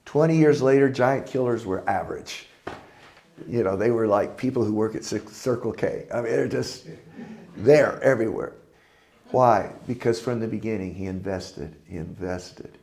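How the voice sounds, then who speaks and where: A man's voice: mid-range voice, normal speed, darkish tone. An older man, a pastor, preaching a conversational sermon in a folksy, earnest way with frequent chuckles.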